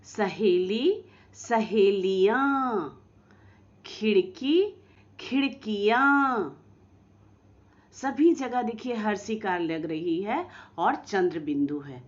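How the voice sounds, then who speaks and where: Woman teacher for small kids, slow and sing-song, slightly muffled lo-fi recording. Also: medium pitch. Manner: slow, drawn-out pronunciation of example words; lively, coaxing teacher tone with questions to children. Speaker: school teacher. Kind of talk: recorded online lesson for young children.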